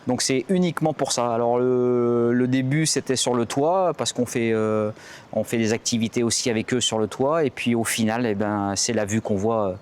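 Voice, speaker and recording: A man's voice: medium pitch, normal speed, darkish tone, smooth. A man in his forties from central France, a former navy commando instructor, telling his story in a portrait interview with many fillers and restarts. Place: outdoors at a harbor site.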